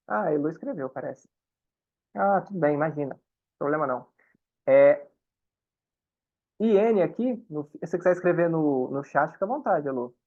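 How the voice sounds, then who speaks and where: A man's voice: on the high side, narrow, tinny audio. Patient man teaching German. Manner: patient, explains with frequent checks to the class. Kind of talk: online class explanation.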